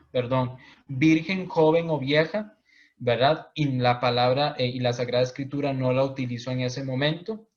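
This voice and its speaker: A man from Costa Rica, a priest teaching a Bible course, explaining patiently and often checking in with his listeners. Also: fairly high pitch. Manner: patient, repeats points, frequent tag questions. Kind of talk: explanatory lecture. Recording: dull lo-fi audio.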